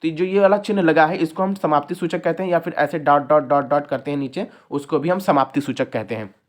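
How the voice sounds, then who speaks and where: Brief: young male teacher, high voice, patient step-by-step explainer, exam-prep class. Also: brisk. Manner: explains step by step, checking in with "ठीक है".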